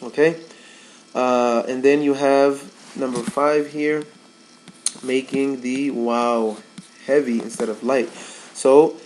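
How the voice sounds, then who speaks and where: A man's voice: medium pitch, fairly even intonation, takes it slowly, pauses often, darkish tone, a little hiss or hum, rough recording. A man giving a casual tajweed lesson as a Quran recitation teacher, repeating words for emphasis.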